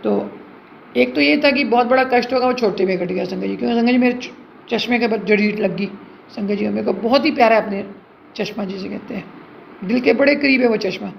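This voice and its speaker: A woman's voice: fairly high pitch, brisk, gravelly. A middle-aged woman giving an earnest devotional testimony and addressing her listeners again and again. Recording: dull lo-fi recording with faint hiss.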